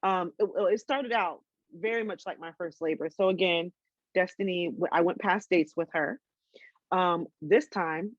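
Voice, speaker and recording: A woman's voice: medium pitch, no room sound, lo-fi sound. A woman in her twenties telling a personal story in a casual interview, candid, with many ums and restarts. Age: 20s.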